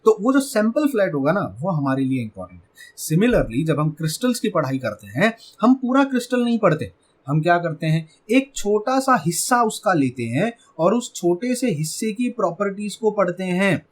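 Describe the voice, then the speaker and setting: A man's voice: high-pitched, sing-song, normal speed. A man teaching a chemistry exam-prep lecture with an Indian English accent, asking his class questions and answering them himself.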